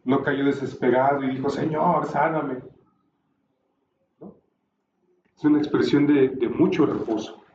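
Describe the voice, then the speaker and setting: A man teaching a Bible class, explaining calmly and tossing in rhetorical questions, recorded from a distance in a roomy space. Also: mid-range voice, normal speed, lo-fi sound, a little hiss or hum.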